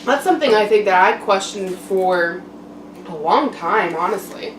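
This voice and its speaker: A young adult woman giving a casual, candid personal monologue to camera in a reflective, halting way with frequent pauses. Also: mid-range voice, expressive. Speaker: mukbang vlogger. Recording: roomy echo, distant mic, background noise.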